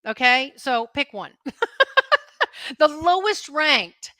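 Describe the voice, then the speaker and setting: A woman's voice: on the high side, normal speed, sharp tone, no room sound. A woman with a Southern US accent gives a business coaching talk on a live stream, stressing and repeating her key points.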